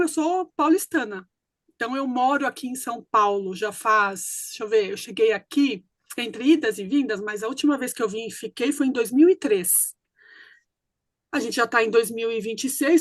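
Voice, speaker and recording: A woman in her fifties, introducing herself on a video call in a measured way with hesitant fillers. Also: on the high side, no room sound, studio quality. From born in Recife, raised in a family from Rio Grande do Sul. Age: 50s. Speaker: workshop participant.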